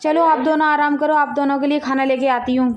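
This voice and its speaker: A dutiful young daughter-in-law played by a woman, polite and obedient, with a high, level voice. The recording is dull, with faint music underneath. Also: level tone, fast talker, slight background noise, natural voice. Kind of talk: family drama voice acting.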